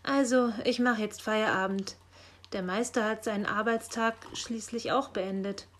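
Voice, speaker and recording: A woman's voice: medium pitch, steady tone, unhurried, close to an everyday voice. A woman voicing a clumsy, naive young male helper who talks in a chatty, earnest way. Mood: cheerful.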